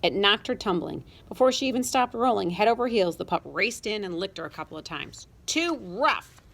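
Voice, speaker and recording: A woman narrating a children's storybook with a lively, expressive reading. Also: mid-range voice, brisk, gravelly. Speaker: audiobook narrator.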